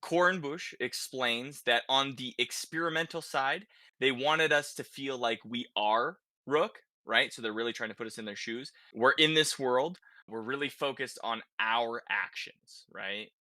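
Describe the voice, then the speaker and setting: This podcast host, a man with a very bright and forceful medium-pitched voice, chats casually about games and tags many lines with quick check-ins. The recording is dry and close.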